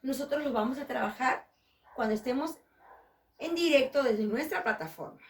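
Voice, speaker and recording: A woman teacher leading a children's lesson, drawing out words in a slow, sing-song way for small kids. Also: high voice, far from the mic.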